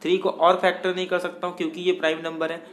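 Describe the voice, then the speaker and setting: High-voiced man teaching math. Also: level tone, fast, a bit bright. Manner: explains step by step, asks and answers own questions; mixes English math terms into Hindi. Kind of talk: classroom lecture.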